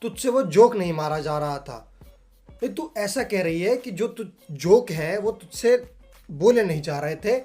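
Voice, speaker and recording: A man's voice: sits high, lively intonation, moderate pace, dark tone, faint music behind. A man hosting a reaction video, chatting casually in an exasperated and profane way.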